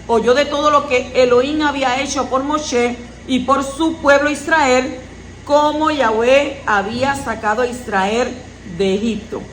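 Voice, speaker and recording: A woman reading and teaching a weekly Torah portion in a measured tone, adding brief explanatory asides. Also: high voice, a bit bright, reverberant, slight background noise, low-quality recording. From Puerto Rico.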